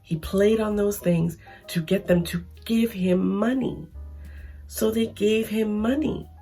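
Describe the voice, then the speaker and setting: A Canadian vlogger chats emphatically with her viewers in a casual opinion vlog, her mid-range voice warm but gravelly and raspy from losing it. She speaks slowly, often restarting sentences as she makes her point, while faint music plays in the background.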